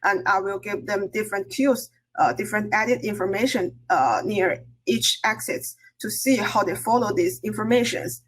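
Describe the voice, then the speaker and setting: A woman presents research at an academic conference. Her voice sits at a medium pitch with a slightly rough, husky edge. She speaks haltingly, with many hesitations and restarts as she explains. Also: poor audio. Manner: halting, hesitant delivery with frequent hesitations and self-corrections.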